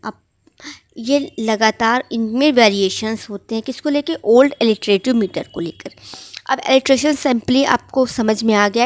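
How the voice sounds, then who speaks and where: A woman teaching literature, reading lines slowly and then explaining them in Hindi with rhetorical questions. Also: on the high side, no room sound. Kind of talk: explaining a text line by line.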